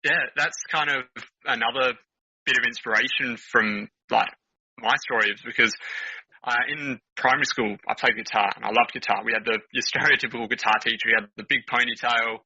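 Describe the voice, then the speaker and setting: A man's voice: mid-range voice, fairly even intonation, brisk, bright, forceful tone, breathy edge, no room sound, muffled recording. A young man, chatting casually as a guest on a podcast, with lots of fillers and laughter. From Australia.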